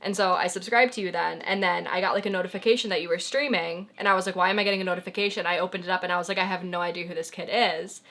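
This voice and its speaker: A young woman hosting her own vlog in casual chat, talking with lots of "like" and trailing off softly. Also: fairly low pitch, fairly even intonation, racing, few pauses. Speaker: vlogger host.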